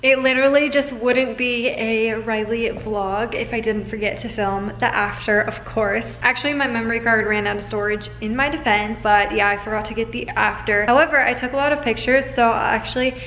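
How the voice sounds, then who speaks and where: A woman's voice: on the high side, steady tone, a bit bright, faint music behind, low-quality recording. A young woman in her twenties, a hairstylist, chatting upbeat to a handheld camera in her kitchen and salon. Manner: chatty and upbeat, quick asides. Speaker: hairstylist vlogger. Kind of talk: casual vlog chat to camera. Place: home kitchen and hair salon, indoors. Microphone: handheld camera at arm's length.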